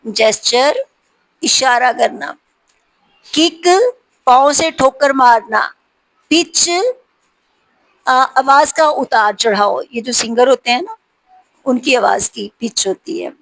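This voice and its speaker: High-voiced woman teaching spelling words. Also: vocal fry, fairly bright tone, low-quality recording. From Pakistan. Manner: reads each word slowly, then explains it. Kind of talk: vocabulary lesson for spelling practice.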